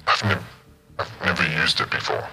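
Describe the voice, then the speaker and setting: A man's voice: steady tone, moderate pace, bright, forceful tone, faint music behind. A man voicing a nervous anonymous caller who stammers and speaks through a voice changer app. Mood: fearful. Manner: hesitant, stammering, fearful. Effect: voice changer, deep distorted. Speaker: game master. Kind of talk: tabletop roleplay acting.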